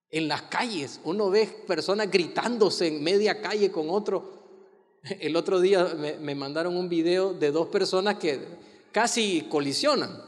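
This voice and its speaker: A male pastor preaching a sermon with emphatic stresses and soft slow asides, calling the congregation to repeat after him. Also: sits high, big-room sound. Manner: invites the congregation to repeat lines.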